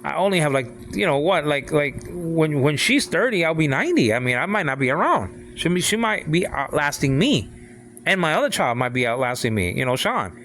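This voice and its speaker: A man of sixty giving an informal talk on faith, halting and repeating himself, often asking if the listener follows. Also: fairly high pitch, very animated, fairly bright tone, slight background noise. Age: 60s. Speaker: father speaking on faith.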